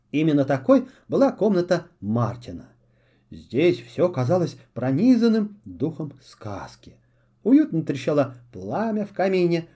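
A male narrator reads a children's fairy tale with a theatrical storyteller's flair. His voice sits high for a man, and his pitch leaps and dips constantly as he narrates. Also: warm tone. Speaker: audiobook narrator.

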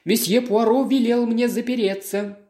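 A reader putting on a terrified young woman, high and breathless. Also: steady tone, normal speed, mellow, reverberant, close to an everyday voice. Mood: frightened. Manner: breathless, frightened whisper.

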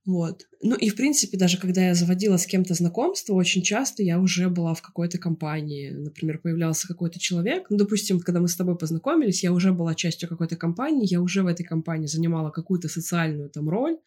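A woman from Russia co-hosting a podcast, talking casually and reflectively about herself, pausing to search for words. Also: on the low side, a little mellow, slightly rough. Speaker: podcast co-host. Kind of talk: casual personal chat.

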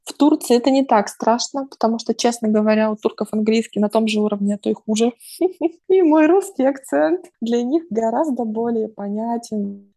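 Speaking from home, a psychologist and podcast host chats reflectively with a warm, creaky voice on the high side. She thinks aloud as she goes, using lots of filler words in casual conversation.

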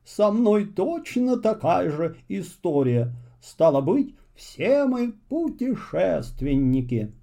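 A man doing a slow, polite little traveler. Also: sits high, sing-song, vocal fry, warm tone, pitched above the performer's own voice, heavily acted. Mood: polite, gentle. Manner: slow, courteous and hesitant. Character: polite lonely shy little male traveler. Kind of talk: children's storybook reading.

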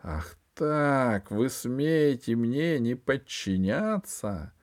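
A man reading an audiobook, voicing a furious power-mad usurper who shouts at his guards. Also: mid-range voice, big pitch swings, drawn-out words, voice pushed up. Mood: threatening. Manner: shouting, ranting.

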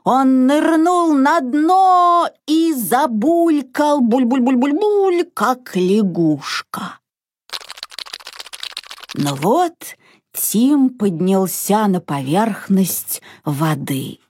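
Slow, animated woman reading a fairy tale. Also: on the high side, no room sound. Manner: expressive, animated, sing-song. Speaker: narrator. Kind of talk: children's storybook reading.

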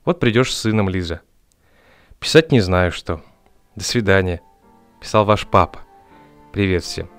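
An earnest Soviet soldier reading out his letter to his family, tender yet resolute. His voice is fairly low, over guitar music in a wartime drama. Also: a little slow, long pauses. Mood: tender, wistful. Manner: earnest, simple, homely.

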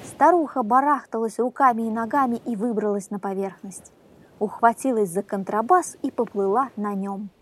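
Lively woman reading a fairy tale. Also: on the high side, normal speed, slightly rough. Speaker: storyteller.

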